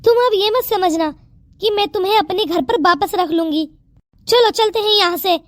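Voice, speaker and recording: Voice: very high voice, normal speed, no room sound, studio quality. A voice artist playing a headstrong, boastful rich young woman in a cartoon story. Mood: scornful. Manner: defiant, boastful.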